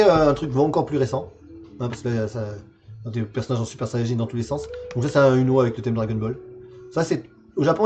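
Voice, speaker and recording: In lo-fi sound, a man in his forties with a mid-range, darkish voice casually walks a livestream through his game collection. He hesitates often, leaning on fillers and repeated words.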